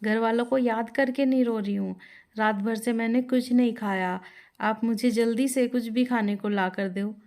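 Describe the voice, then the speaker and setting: Storybook role: woman narrator voices gluttonous young bride, whiny and demanding, raised higher pitch. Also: steady tone, normal speed, a little mellow, lightly acted. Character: young bride, greedy glutton, always whining for food.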